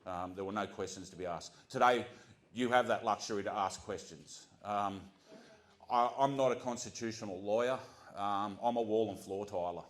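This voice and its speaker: An Australian man giving an earnest prepared speech to a community gathering, often pausing with ums and restarting his sentences. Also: on the low side. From Central Coast of New South Wales, Australia. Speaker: community speaker.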